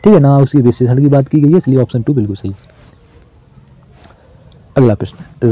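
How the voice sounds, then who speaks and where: A man's voice: medium pitch, warm tone, no echo, highs cut off. A man teaching an exam-prep lesson in a casual, chatty way, asking questions and answering them himself.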